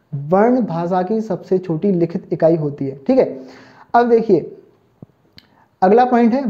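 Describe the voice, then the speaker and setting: A man's voice: high-pitched, dark tone. A man teaching an online lesson for exam preparation, who keeps asking whether students have understood and calls them children. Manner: keeps checking understanding with "thik hai" and "samajh mein aaya na"; addresses students fondly as children. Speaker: Hindi teacher. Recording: dull, muffled lo-fi recording.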